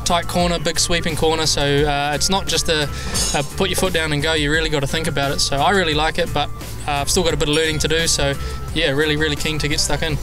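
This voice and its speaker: A man's voice: fairly high pitch, little pitch movement, quick pace, hardly any pauses. A laid-back man with a New Zealand accent, a speedway driver giving a casual interview. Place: outdoors at a speedway track. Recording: outdoor trackside, music and vehicles behind.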